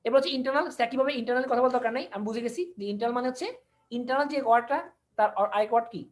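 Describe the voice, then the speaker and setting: A woman's voice: a little high, fairly even intonation, very fast. A woman teaching an online anatomy class, switching between languages for technical terms, repeating key words and quizzing her listeners. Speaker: anatomy lecturer.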